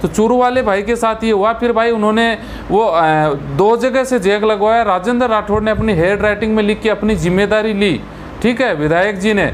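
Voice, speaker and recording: A man's voice: high voice, brisk, a little hiss or hum. A man in his thirties talking straight to the camera with a lapel mic in a small room, earnestly and indignantly explaining a case while gesturing with his hands. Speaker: vlogger giving legal and travel advice. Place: small room in front of a red curtain. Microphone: clip-on lapel mic.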